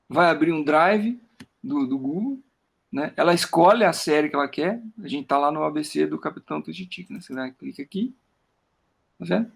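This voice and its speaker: A Brazilian poet talks through his work in a relaxed interview over a video call. His voice sits high and has a gravelly, husky edge. He rambles, repeats words as he searches for them, and keeps tagging his sentences with a questioning "né?". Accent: Brazilian Portuguese. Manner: rambling, with frequent "né?" tags and stammered repeats. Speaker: poet talking about his book. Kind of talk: casual interview chat while showing his work on screen.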